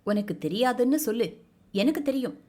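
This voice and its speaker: A childlike, half-mad little man from an audio novel, as a woman narrator puts him on. He babbles eagerly and insists on being heard, in a voice pitched noticeably high with lively swings. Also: normal speed. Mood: eager babbling.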